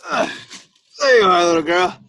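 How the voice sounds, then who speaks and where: A drunken, self-pitying wolf from a comic radio play, acted by a man. He grumbles and sneers in slurred, sarcastic speech that swings widely in pitch. The sound is close and dry. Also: lively intonation, normal speed, gravelly, fairly bright tone, dry recording, heavily acted. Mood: bored, impatient.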